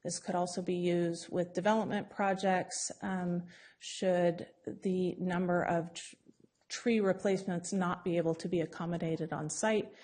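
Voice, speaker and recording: Woman staff presenter, low monotone voice, measured and hesitant with fillers. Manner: measured, frequent ums, explanatory.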